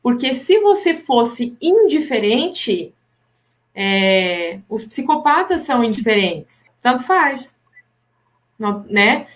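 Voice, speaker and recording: A woman, a hypnotherapist in a casual live chat, explaining lively and acting out what people say. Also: takes it slowly. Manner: animated, acts out imagined people's lines with pitch jumps.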